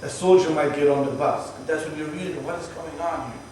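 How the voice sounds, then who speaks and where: A man's voice: a little high, steady tone, fairly quick, a little mellow. A man talks a tour group through the sights, explaining things patiently and joking along the way. His voice is distant and echoey, picked up on a moving bus with faint road noise behind him. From Palestinian, from Jerusalem. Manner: chatty, explaining patiently with jokes. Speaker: tour guide. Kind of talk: guided tour talk to a group.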